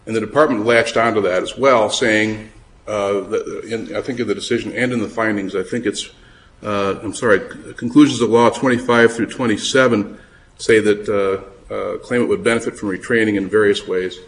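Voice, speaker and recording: A man's voice: fairly low pitch, steady tone, normal speed, low-quality recording. A man, an attorney, making an oral argument before judges, conversational and full of restarts. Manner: conversational, restarts often, acts out quoted speech. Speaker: attorney arguing before appeals court. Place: courtroom.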